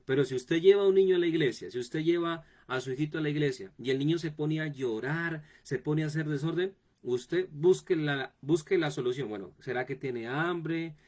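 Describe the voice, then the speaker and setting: A male pastor delivers a sermon-style teaching, voice pitched a bit above the usual man's. He talks straight to his listeners and repeats his phrases for emphasis. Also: normal speed, hardly any pauses, darkish tone. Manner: repetitive, direct address to the congregation.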